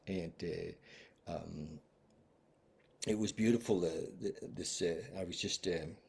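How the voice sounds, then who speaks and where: A man hosting a recovery video from home, talking casually and gently, with many restarts, and apologetic. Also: low-pitched, takes it slowly, gravelly, slightly rough. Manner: rambling, many restarts and fillers. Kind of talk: casual heartfelt talk. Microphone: webcam video stream.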